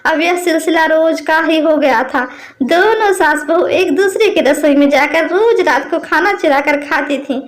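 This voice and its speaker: A woman narrating a moral story for bedtime in a lively, expressive way. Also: high voice, a little slow.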